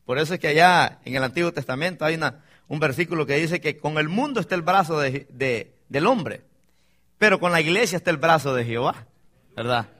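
Pastor, man, emphatic sermon, high lively voice, bright tone. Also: brisk. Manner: emphatic preaching, calls for amens.

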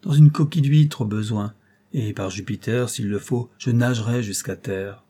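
Un homme qui joue un jeune voyageur impatient. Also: male voice, medium pitch, little pitch movement, normal speed, mellow, pitched above the performer's own voice, lightly acted. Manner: impatient, exclamatory. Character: restless impatient young man, eager traveler.

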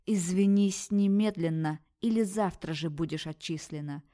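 Strict older lady supervisor read by a woman, clipped and bossy, dark voice, audiobook. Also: fairly low pitch, normal speed, natural voice. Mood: stern. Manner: curt, clipped and commanding. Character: strict stern middle-aged female university supervisor.

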